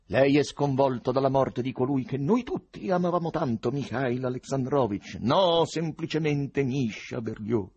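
A man voicing a plump, courteous male official who talks as if making a speech, with a husky voice. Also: medium pitch, lively intonation, moderate pace, few pauses, a little mellow, lo-fi sound, voice pushed up. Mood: soothing. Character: plump, smooth-talking male official, soothing.

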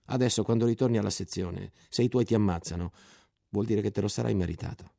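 A man voicing a scornful, furious army lieutenant who shouts insults at a soldier. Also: fairly low pitch, fast talker, creaky, no echo, clean studio sound, voice pushed up.

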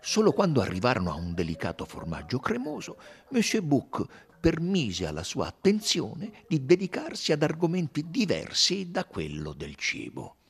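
Gravelly man reading an audiobook theatrically. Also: fairly high pitch. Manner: theatrical, varied delivery. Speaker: audiobook reader. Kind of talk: scripted audiobook narration.

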